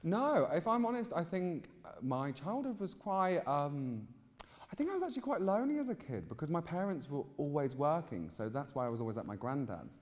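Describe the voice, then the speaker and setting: A British man in his mid twenties, a drag queen gardener, is interviewed on stage and shares personal stories casually in a chatty, campy, gushing way. His voice is on the high side with big pitch swings and a slightly fast pace, captured with live event sound in a reverberant hall.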